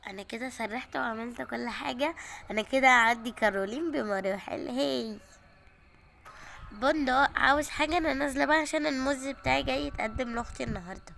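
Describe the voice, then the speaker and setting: A cheeky, chatty Egyptian younger sister, voiced by a woman. Her high voice has a gravelly edge, and she talks quickly. A faint hum of noise sits behind her in this home-made toy drama. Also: fairly bright tone. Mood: playful. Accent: Egyptian Arabic.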